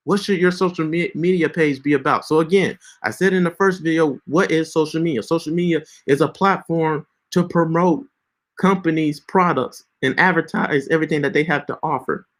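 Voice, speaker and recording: At a moderate pace, a man in his late twenties with a somewhat high voice preaches casually about social media, leaning on fillers and frequent restarts. The recording is a screen-share capture.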